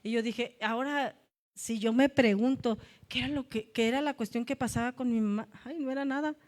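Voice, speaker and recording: A woman with a high, bright voice and a Mexican Spanish accent gives a heartfelt testimony to her congregation. She talks in a confessional, emotional way and keeps turning to the listeners as brothers and sisters. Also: fairly even intonation, moderate pace. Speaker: church speaker. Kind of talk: testimony sermon. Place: church meeting room.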